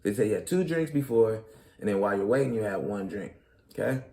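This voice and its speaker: A man's voice: on the low side, animated, a little fast, gravelly, dark tone. A man in his thirties, a comedian hosting his own show, talking casually and animatedly in slang straight to his audience. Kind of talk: casual commentary monologue.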